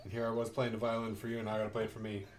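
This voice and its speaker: A man's voice: lowish voice, little pitch movement, racing, far from the mic, slight background noise. A man hosting a casual gaming session, teasing the other players with jokey mock exclamations. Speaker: gaming channel host.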